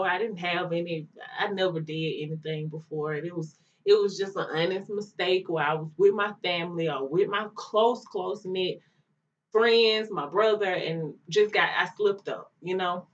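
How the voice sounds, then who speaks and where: Animated young woman telling a story. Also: lowish voice. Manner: animated storytelling, mimics others' voices. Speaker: vlogger. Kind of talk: storytime vlog. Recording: distant mic, dull lo-fi sound.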